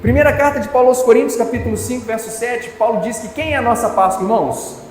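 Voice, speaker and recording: A man's voice: very high-pitched, fast. A man with a Brazilian Portuguese accent preaching a sermon as pastor, with an emphatic, repetitive cadence. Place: church hall. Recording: echoey church hall, soft music.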